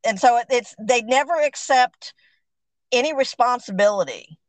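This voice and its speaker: A woman's voice: fairly high pitch, expressive, moderate pace, dry recording, low-quality recording. A woman hosting a conversational interview, sympathetic and sharing her own experiences. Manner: empathetic, relates own experience. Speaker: interview host.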